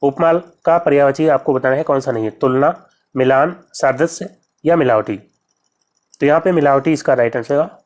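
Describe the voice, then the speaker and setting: A teacher giving an exam-prep lesson, reading each question and its options aloud, then explaining the answer step by step and repeating key terms slowly. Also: medium pitch, a little mellow.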